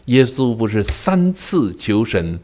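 An older man preaching a sermon as a pastor, telling a personal story with sudden swings between loud cries and hushed near-whispers, and tossing rhetorical questions to the congregation. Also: mid-range voice, sing-song, slow pace.

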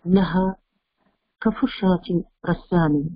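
A woman's voice: fairly low pitch, fairly even intonation, slow, dry recording. A woman hosting a literary competition, thanking a reader and introducing the next one in poetic, gracious phrasing. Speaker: competition host. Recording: dry, dull lo-fi audio.

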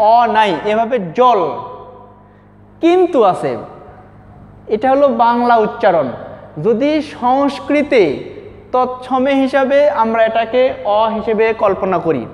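Male teacher, high voice, steps through slides, repeats words slowly, long reverb on the track. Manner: asks questions and answers them himself, repeats words slowly. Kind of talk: classroom lesson over slides. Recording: dull reverberant recording.

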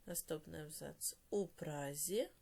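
A woman teaching a language lesson, dictating words slowly with clear stress and quick explanations in between. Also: sits low, dark tone.

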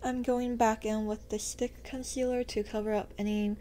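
A young woman talks through her makeup look in a casual voice-over. Her voice sits a little high but sounds mellow and soft-edged, and her sentences tend to lift at the end. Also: flat delivery, moderate pace. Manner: chatty, self-deprecating, rising sentence endings. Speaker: beauty vlogger. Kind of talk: voice-over makeup tutorial narration.

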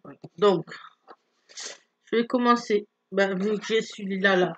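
A middle-aged woman presents craft kits on her vlog in a relaxed, chatty way. She hesitates often, filling gaps and restarting her sentences. The recording sounds dull and lo-fi, with a voice of ordinary middle pitch. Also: unhurried. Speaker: craft vlogger. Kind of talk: casual product show-and-tell. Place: at home, filming her hands.

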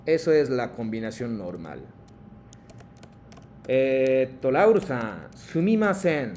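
A man leads an online class in a patient, steady way at an everyday pitch. He calls on students one by one. A faint low rumble hums behind him. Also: slow. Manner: patient, calls on students by name, mixes Japanese prompts into Spanish explanations. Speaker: Japanese language teacher.

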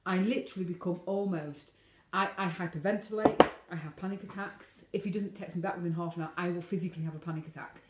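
A woman in her forties talks in a casual chat, frank and emphatic, tumbling over her words with quick restarts. Her voice sits a little low and moves fast. The room around her rings with echo. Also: fairly even intonation, noisy background. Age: 40s. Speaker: podcast co-host.

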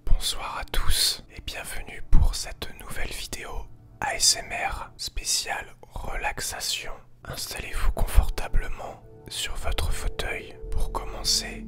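A soothing ASMR whispered role-play performed by a young man as a parody relaxation guide. The voice is all breath, gentle and deliberately calm, delivered close to the microphone with music in the recording. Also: natural voice. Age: young adult. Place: small bedroom with computer desk, indoors.

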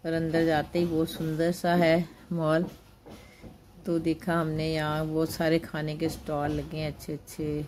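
A grandmother records a casual vlog on her handheld phone, narrating a family outing in a busy indoor mall in a homely way. Her deep voice is monotone and a little slow, with background noise throughout.

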